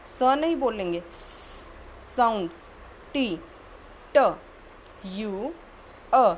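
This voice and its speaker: A woman teaching children letter sounds, slowly and deliberately repeating each one. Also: a little high, a little hiss or hum. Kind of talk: children's phonics lesson.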